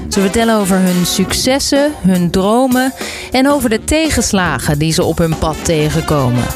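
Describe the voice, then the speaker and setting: A woman presenting a podcast in calm, measured scripted narration. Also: medium pitch. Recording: narration over music. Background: music.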